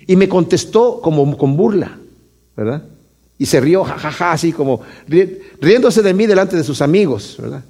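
Man, pastor, conversational sermon, slightly high voice, mellow tone. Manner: conversational preaching with frequent tag questions.

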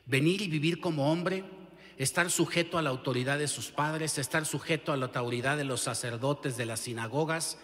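A man's voice: fairly high pitch, moderate pace, a bit bright, long reverb tail. A male pastor with a Mexican Spanish accent preaching a sermon emphatically, often turning to the listener with rhetorical questions. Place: church sanctuary.

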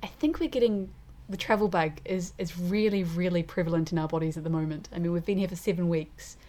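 A New Zealand woman chats casually as a podcast co-host, giving frank, opinionated views. Her voice sits slightly low for a woman. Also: steady tone, a little fast, dark tone. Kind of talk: casual review chat.

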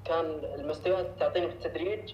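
A man's voice: on the high side, fairly even intonation, very fast, darkish tone. A man calling in to ask for advice, speaking hesitantly and checking in with short questions. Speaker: caller asking for advice. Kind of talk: casual chat. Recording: dull lo-fi call with faint noise.

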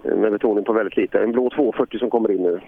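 A man's voice: lowish voice, narrow, tinny audio. A man doing live rally commentary, chatty with a dry sense of humor.

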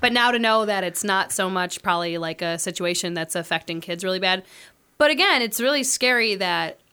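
A woman co-hosting a casual chat, talking in an animated, chatty way. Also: mid-range voice, fairly quick, clean tone. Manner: chatty, animated, laughs often.

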